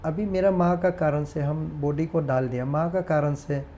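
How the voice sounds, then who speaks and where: A man's voice: a little high, steady tone, moderate pace, mellow, slight background noise. A man, a guest on a talk show, telling a personal story in an earnest, hesitant, reflective way.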